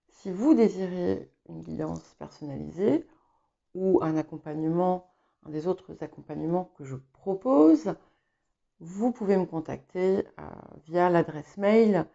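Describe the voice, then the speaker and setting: A woman giving a spoken tarot reading, hesitant and filling pauses as she talks. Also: on the low side, creaky, mellow, dull audio. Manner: hesitant, many fillers and restarts. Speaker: tarot reader. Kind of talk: casual spoken tarot guidance.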